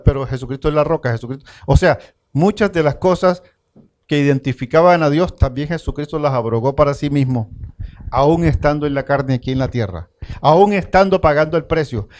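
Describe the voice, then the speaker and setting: A Colombian pastor with a fairly high voice, preaching in a Colombian Spanish accent. He piles up emphatic repeated phrases, slowing down to stress the key words. He keeps calling on his listeners to say the lines back to him. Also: a little mellow. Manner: calls the congregation to repeat declarations after him; builds emphatic repeated lists, slowing for weight. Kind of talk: sermon.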